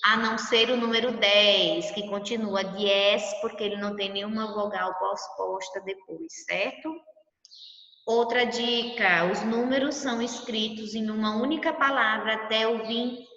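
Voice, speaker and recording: A woman's voice: on the high side, steady tone, unhurried, pushed and bright. Brazilian woman teacher, patient explainer; a dull, roomy recording with a long reverb tail. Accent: Brazilian Portuguese. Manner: explanatory, checks in with "tá?" and "né?". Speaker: Spanish teacher. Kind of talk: recorded online class lesson. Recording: distant mic, roomy dull sound.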